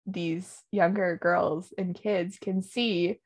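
A woman's voice: lowish voice, fairly even intonation, slow. A woman hosting a casual podcast chat about hockey news, talking chattily with lots of fillers and laughs. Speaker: podcast host.

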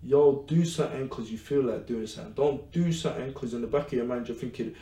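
A man's voice: medium pitch, fast talker. A man, co-hosting a podcast in a casual, slangy way and repeating his points. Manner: relaxed slangy talk, repeats phrases. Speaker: podcast co-host. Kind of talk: casual chat. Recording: echoey room, mic at a distance.

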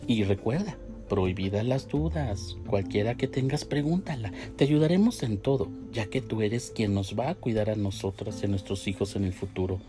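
A man's voice: fairly low pitch, normal speed, lightly acted. A man voicing a confident, bossy, teasing woman nurse in a storybook reading. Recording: faint music behind.

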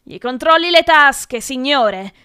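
A woman reading aloud and voicing a tattling schoolboy who shouts out accusations. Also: a little high, very animated, a little slow, no room sound, studio quality, heavily acted. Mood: eager shouting. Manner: shouts eagerly.

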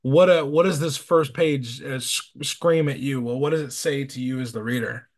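A man's voice: mid-range voice, moderate pace. A man hosting a podcast, steering a casual comic discussion with questions to his guests. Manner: leads the talk with questions to his guests, animated. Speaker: podcast host.

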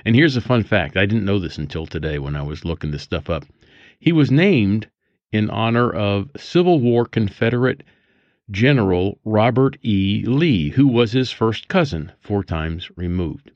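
A man's voice: lowish voice, animated, moderate pace, no room sound. An older man hosting a casual daily almanac monologue, musing and digressive, chuckling as he reminisces. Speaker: podcast host. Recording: dull lo-fi dry recording.

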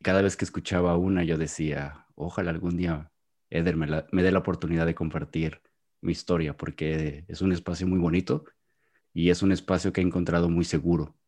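Low-pitched and darkish, his delivery is flat and a little fast, carrying a Jalisco Mexican accent from Guadalajara. He's a long-winded podcast guest in a casual video-call interview, often restarting his words.

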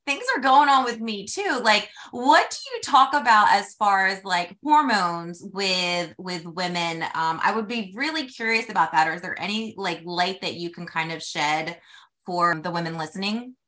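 A woman's voice: mid-range voice, moderate pace, pushed and bright. A woman in her forties hosting a podcast, chatting casually and rambling with lots of fillers. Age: 40s. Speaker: podcast host. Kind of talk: casual interview chat.

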